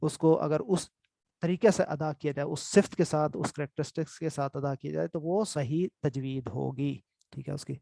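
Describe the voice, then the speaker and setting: A male teacher with a somewhat high, gravelly voice walks through a lesson step by step. He keeps repeating the key terms and pausing to check that his listeners are following. The sound is close and dry, with no room around it. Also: dark tone, dry recording. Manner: explanatory, repeats terms and checks understanding often. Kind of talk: online lesson with screen notes.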